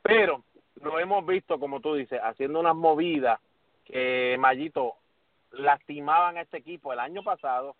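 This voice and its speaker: A man hosting a casual sports podcast, talking in an animated way and calling his co-host by name. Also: a little high, moderate pace, no room sound. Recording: tinny phone-like audio.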